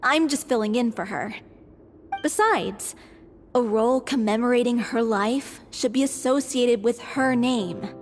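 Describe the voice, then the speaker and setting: A woman's voice: fairly high pitch, unhurried, lightly acted. A woman acting an earnest, polite stage performer who speaks sincerely in a game. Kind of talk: voice-acted game dialogue. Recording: long reverb, music behind.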